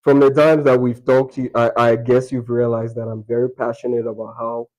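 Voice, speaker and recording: A man's voice: medium pitch, little pitch movement, a little fast, darkish tone, low-quality recording. A young man from Liberia, a guest talking over a video call, chatty and full of restarts. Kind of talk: remote interview conversation.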